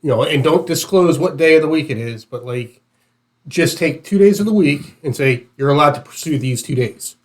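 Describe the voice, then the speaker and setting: A man with a slightly high voice talks casually in a roomy, echoing space. He tells anecdotes conversationally, as one panelist in a group discussion. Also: normal speed. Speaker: podcast panelist on policing. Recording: roomy, echoey room.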